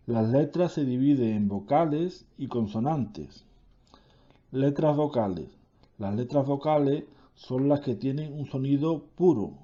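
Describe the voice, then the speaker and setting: Slow, dark-voiced man reading a lesson. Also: medium pitch, muffled recording. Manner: slow, deliberate reading with self-corrections. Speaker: teacher reading a grammar lesson. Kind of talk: reading a grammar lesson aloud.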